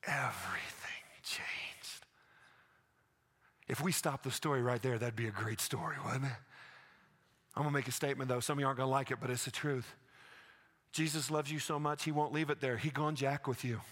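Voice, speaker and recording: A man's voice: mid-range voice, steady tone, fast talker, fairly bright tone. A man preaching a sermon, telling a story with energy and acting out the voices of the people in it. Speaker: pastor.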